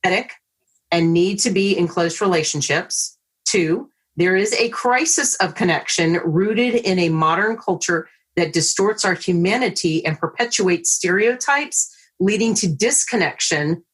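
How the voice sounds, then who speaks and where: Lady host on a video call, lowish voice, upbeat and encouraging with her guests. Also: a little slow, husky. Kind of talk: interview hosting.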